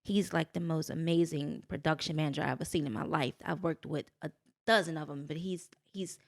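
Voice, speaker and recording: Lively woman telling her story. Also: a little fast, creaky. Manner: animated storytelling, jumps into high voices for quotes. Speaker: guest. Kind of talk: casual podcast conversation.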